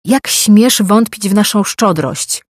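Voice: medium pitch, normal speed, dry recording, studio quality, close to an everyday voice. A reader doing a haughty stern woman elder. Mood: indignant. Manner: curt, indignant.

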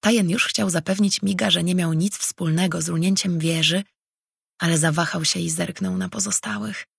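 An audiobook narrator reads steadily and evenly. The voice is strongly gravelly and husky, recorded dry and close. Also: medium pitch, moderate pace, no echo. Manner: even, steady reading. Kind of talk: scripted fantasy narration.

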